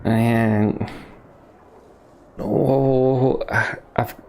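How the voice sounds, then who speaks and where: A man with a gravelly, darkish, mid-range voice speaks extremely slowly in a steady tone. He's hosting a let's play, reading the story text aloud with drama and tossing in sweary, emotional asides, so it's dramatic narration mixed with casual comments.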